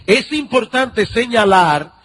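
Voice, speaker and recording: High-voiced man preaching a sermon. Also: animated, takes it slowly, fairly bright tone, husky. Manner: preaching with rhetorical questions and repetition. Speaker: pastor.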